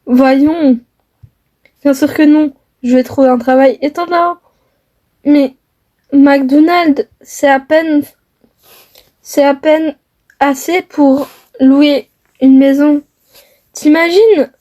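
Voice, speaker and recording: A woman's voice: sits high, steady tone, slow, pauses often, mellow. Woman playing an earnest young man in love. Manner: earnest, hesitant with many fillers. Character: young man in love, defiant toward his mother. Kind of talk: homemade family skit.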